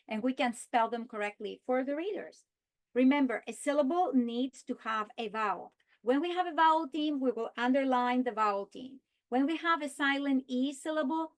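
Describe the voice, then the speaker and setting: A woman with a fairly high voice explains a reading lesson plan to teachers. She speaks slowly and deliberately. She draws out words as she models how to say them. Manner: slow, deliberate delivery, stretching key words when modeling. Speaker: teacher trainer. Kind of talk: instructional walkthrough with modeled lesson script.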